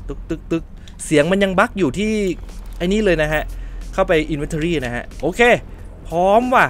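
A man hosting a let's play, giving polite, chatty running commentary and often shouting out in surprise. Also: fairly high pitch, soft background music. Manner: excitable, quick to shout in surprise. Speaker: gaming channel host.

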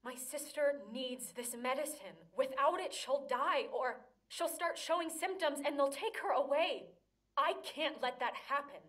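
A woman's voice: sits high, unhurried, fairly bright tone, distant mic. An actress playing a distressed, desperate woman in a video game drama, emotional and pleading. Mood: bitter, urgent.

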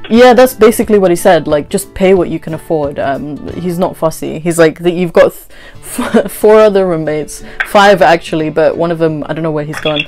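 Speaking fairly quickly in a fairly low-pitched voice, this twenty-something vlogger animatedly retells a story from her small bedroom, quoting dialogue and saying "like" often. Faint music runs in the background as she acts out the exchanges in a casual, chatty way.

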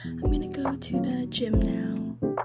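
A young woman around eighteen, chatting casually to her phone camera in a student vlog, soft-spoken and giggly. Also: high-pitched, steady tone, slow. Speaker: student vlogger. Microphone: phone held at arm's length. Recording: music playing loudly over the voice. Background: background music.

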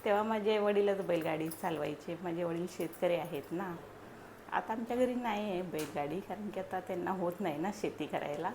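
A young woman from Maharashtra chatting casually at home in a family vlog, a mother who coaxes her baby in high sing-song bursts. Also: moderate pace, a little mellow, a little hiss or hum. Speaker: vlogger and mother. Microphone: small clip mic.

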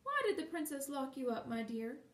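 A woman voicing a gentle girlish fairy queen who speaks quietly, sweetly and firmly, recorded in a roomy space from a distance. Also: sits high, very animated, a little fast. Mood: calm.

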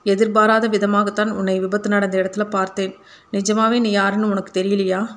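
An earnest, troubled father pleads in quick, long runs of speech, voiced by a woman narrator. His pitch stays flat, in an audiobook reading. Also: close to an everyday voice.

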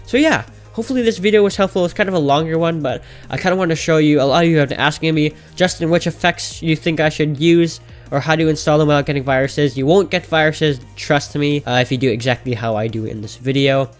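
A man with a nasal, pinched-nose voice casually narrating a software tutorial in an informal, enthusiastic way. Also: fairly high pitch, quick pace, hardly any pauses, faint music behind.

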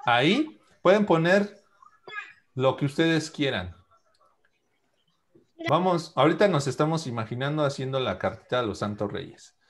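A man teaching English to children in an online class over a video call, speaking slowly and patiently, repeating and spelling out phrases. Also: medium pitch, expressive.

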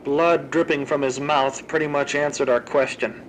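This is scripted audio-log narration from a horror fan drama, voiced by a man playing a researcher who logs grim monster experiments with cool, clinical terseness. His pitch is fairly high and steady, his pace moderate, and the acting light. The recording is low quality with slight background noise.

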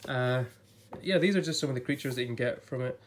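A man talks quickly in a mid-range voice, slightly off from a recent illness, as he flips through an illustrated book for a casual YouTube review. Chatty and thinking aloud, he sits at a table indoors in front of a blue backdrop, with a little hiss or hum in the recording.

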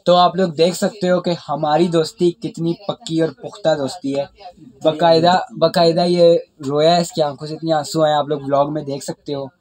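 A man's voice: on the high side, low-quality recording. A young man from Pakistan chatting casually in a village vlog, then signing off to viewers. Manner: excited, laughing, talks over friend. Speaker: vlogger.

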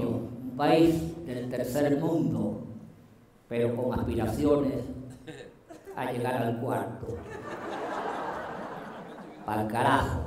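A man's voice: on the high side, slight background noise, close to an everyday voice. A man playing a brash, foul-mouthed old Cuban woman in her eighties with a Cuban accent, in a live stand-up character act. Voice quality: brassy, foul-mouthed and boastful. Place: live theatre stage with audience. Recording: echoey stage, far mic, music and crowd.

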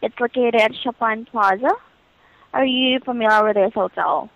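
A hotel booking agent with a highish, fairly bright voice and some vocal fry talks at a normal pace. She handles the caller politely and patiently with formulaic customer-service language, and the telephone-line audio is muffled and lo-fi.

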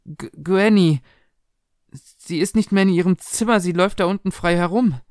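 Man doing a high teenage girl, frightened, agitated, breathless, storybook reading, dry close sound. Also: moderate pace, darkish tone, smooth, no room sound, lightly acted.

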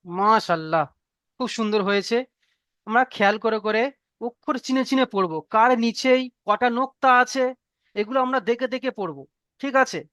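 A man's voice: sits high, lively intonation, a bit bright. A male teacher leads an online class. He is patient and encouraging, and he stretches out each letter sound to demonstrate it. His voice comes through a video call with a dry, close sound and no room echo. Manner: patient, repeats praise and drawn-out letter sounds. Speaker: Quran reading teacher.

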